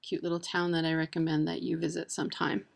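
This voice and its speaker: A woman's voice: fairly low pitch, completely flat delivery, fast talker, creaky. A woman talking casually to camera about words and places, with lots of ums and uhs. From Wisconsin. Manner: chatty, many ums and uhs. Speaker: vlogger. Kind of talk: casual educational talk.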